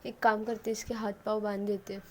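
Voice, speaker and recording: A woman's voice: mid-range voice, little pitch movement, brisk, slight background noise, lightly acted. A woman voicing a bossy, short-tempered young woman who scolds and complains, in a narrated love story. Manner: scolding and exasperated.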